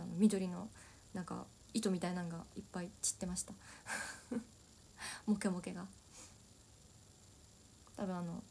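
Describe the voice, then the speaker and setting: A woman's voice: mid-range voice, gravelly, a little mellow. A young woman idol, chatting casually and giggling as she answers viewer comments on a solo livestream. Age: young adult.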